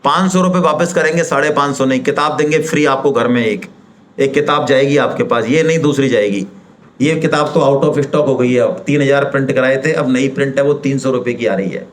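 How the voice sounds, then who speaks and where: A man's voice: mid-range voice, fairly quick. A man speaking at a devotional seminar, talking in a colloquial and persuasive way, firing rhetorical questions and addressing the audience directly. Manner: animated, rhetorical questions, acts out quoted voices.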